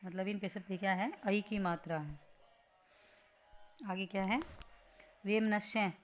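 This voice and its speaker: A woman's voice: mid-range voice, steady tone, a little slow, faint music behind. Woman teaching spelling with rhetorical questions. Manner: explains patiently with rhetorical questions and "theek hai". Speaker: Hindi grammar teacher. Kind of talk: spelling lesson for exam students.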